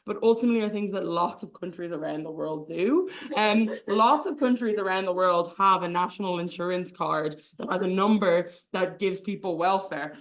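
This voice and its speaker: A man's voice: high voice, muffled recording. A man with an Irish accent giving a competitive debate speech, informal and repetitive, with many fillers and restarts.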